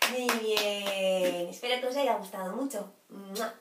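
A woman teacher telling a children's story, animated, dropping to hushed whispers and breaking into sudden exclamations. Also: mid-range voice, measured pace, background noise. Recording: roomy echo, from far off.

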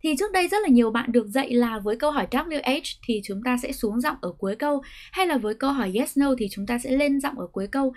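A woman with a Vietnamese accent gives a pronunciation lesson in a fairly high voice. She explains clearly and patiently, and she slows down whenever she models an English example sentence. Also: animated, darkish tone.

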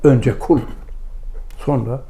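A man's voice: mid-range voice, steady tone, slow, vocal fry, mellow. An older man giving a religious lesson, telling stories and acting out dialogue with emphatic exclamations. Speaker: religious lecturer.

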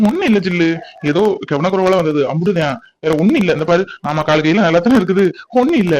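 A man plays a doting young husband in a cartoon, talking fast and warmly. He soothes and coaxes his tearful wife, brushing off her worries. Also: high voice, expressive, slight background noise, poor audio. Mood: soothing. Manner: comforting, coaxing. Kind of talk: cartoon voice acting.

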